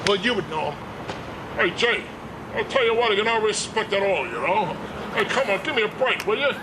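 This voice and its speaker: A man's voice: high voice, big pitch swings, fairly quick, background noise. A man making a brash, jokey audition tape. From Brooklyn, New York. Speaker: correspondent applicant.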